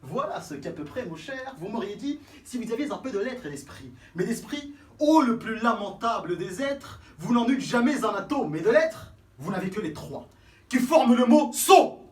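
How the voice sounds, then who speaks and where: Un acteur jouant un bretteur fier et spirituel, déclamant des vers de théâtre avec emphase, de façon cabotine et flamboyante. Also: male voice, high voice, very animated, normal speed. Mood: scornful, defiant. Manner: hammy, flamboyant, swinging from hushed to bellowed. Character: proud, witty swordsman Cyrano de Bergerac mocking his own nose. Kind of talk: theatrical verse declamation, classical French stage acting. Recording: roomy echo, distant microphone, faint noise.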